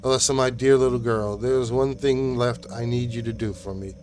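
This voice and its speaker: A man reading the lines of a sinister, scheming older woman cult leader in a soft, mocking, slow way. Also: medium pitch, fairly even intonation, faint music behind, natural voice.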